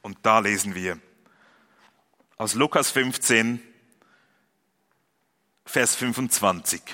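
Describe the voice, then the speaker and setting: Bright-voiced male preacher in a reverberant hall. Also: lowish voice, slow. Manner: reads scripture aloud and retells a parable calmly. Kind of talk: sermon. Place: church.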